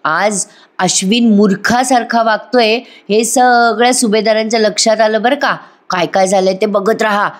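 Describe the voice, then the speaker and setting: A woman recapping a TV serial in a casual voice-over, chatting directly to viewers. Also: medium pitch. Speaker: TV serial reviewer.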